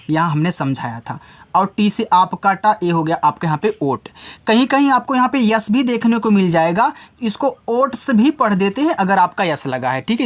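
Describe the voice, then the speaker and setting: A man teaching English reading in a casual lesson. He spells words out slowly, letter by letter, and his voice drops low at the end of phrases.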